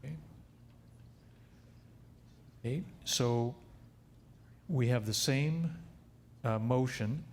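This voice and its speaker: Male chair, mid pitch, brisk procedural delivery at a podium mic, faint hiss. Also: a little mellow. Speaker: assembly chair. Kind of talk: chairing a meeting.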